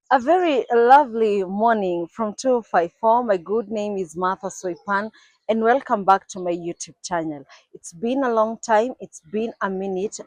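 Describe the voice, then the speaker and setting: Her voice is medium in pitch and dark in tone as she, a Kenyan woman in her forties, recounts her life to viewers of her channel. She is earnest and reflective, with the odd restart. The recording has no echo but is low in quality.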